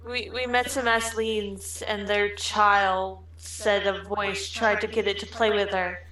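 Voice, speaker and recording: A woman's voice: mid-range voice, level tone, slow, pushed and bright, low-quality recording. A woman playing a tabletop role-playing game, chatting casually in and out of her role. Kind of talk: casual role-play chat.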